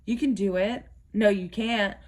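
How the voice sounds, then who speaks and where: A woman's voice: mid-range voice, steady tone, unhurried, natural voice. A sick-sounding woman voicing a pushy man in rehab, teasing and goading. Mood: taunting.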